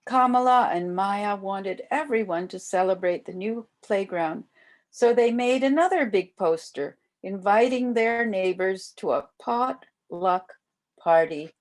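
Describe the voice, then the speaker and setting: An older woman reading a children's storybook aloud as a volunteer, with expressive delivery aimed at young children. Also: medium pitch, unhurried.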